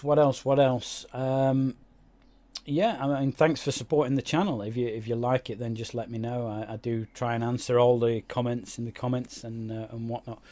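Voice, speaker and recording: A man's voice: mid-range voice, dark tone. A man giving casual, rambling commentary over his own gameplay, with many fillers and restarts. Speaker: game YouTuber.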